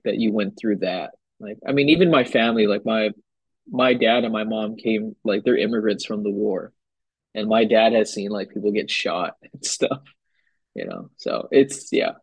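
A young man from Hawaii, a guest musician, talking in a loose, relaxed way full of fillers. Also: lowish voice, moderate pace, husky, no room sound, rough recording. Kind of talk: casual conversation.

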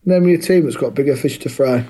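A man's voice: medium pitch, fast, dark tone. A man co-hosting a football podcast, blunt and teasing as he argues his point. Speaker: podcast co-host. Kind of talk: casual sports chat.

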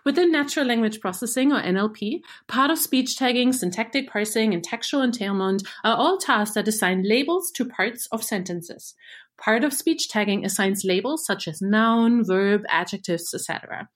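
A female research engineer from Germany, a native German speaker, explains machine learning in a clear, measured scripted segment. Her voice is fairly high and expressive.

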